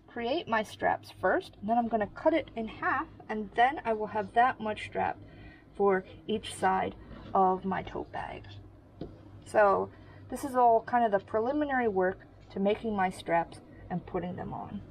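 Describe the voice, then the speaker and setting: Slow, higher-voiced woman teaching sewing. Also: expressive, a little hiss or hum, low-quality recording. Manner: friendly step-by-step demonstrating while working. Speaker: sewing instructor. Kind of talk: casual craft tutorial.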